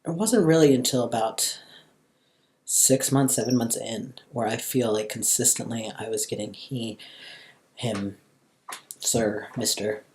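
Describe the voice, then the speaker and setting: A young American man speaks in a casual, personal vlog style. His mid-pitched voice carries a little huskiness, and his drawn-out phrasing has a clear valley girl lilt. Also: fairly even intonation, darkish tone. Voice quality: slightly husky. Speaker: vlogger.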